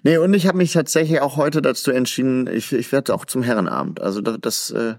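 Easygoing Lower Rhine podcast man. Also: brisk, gravelly, a little mellow. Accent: Lower Rhine German. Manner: easygoing, laughs along, frequent fillers and restarts. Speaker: podcast co-host. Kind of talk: casual chat.

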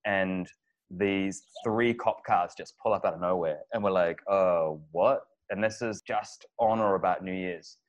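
A man's voice: deep voice, steady tone, moderate pace. A man telling a travel story casually, rambling with lots of fillers and restarts. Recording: dull lo-fi audio.

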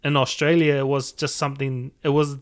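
A man's voice: medium pitch, level tone, a little fast. A man from New Zealand with a Māori English accent hosts a casual podcast, speaking in loose, hesitant phrases. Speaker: podcast host.

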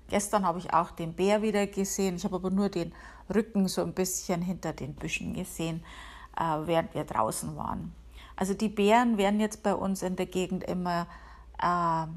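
Chatty woman hosting a podcast. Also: on the low side. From Upper Palatinate, Bavaria, Germany. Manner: chatty and self-ironic, with many fillers. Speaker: podcast host. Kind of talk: casual solo podcast monologue. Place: home, working from home.

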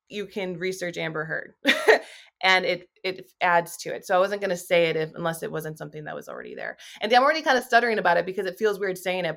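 A woman's voice: lowish voice, creaky, fairly bright tone. Candid, rambling woman on a podcast. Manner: rambling, filler-heavy, candid. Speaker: astrologer and YouTuber. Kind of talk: casual podcast conversation.

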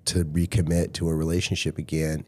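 A man's voice: rumbling low, level tone, brisk, a little mellow, no room sound. A man co-hosting a casual podcast, earnest and slangy, dropping "man" and "dude". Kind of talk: casual group discussion.

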